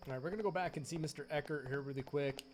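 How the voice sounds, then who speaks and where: A man's voice: fairly high pitch, very fast, background noise. A man giving casual commentary as he plays through a video game.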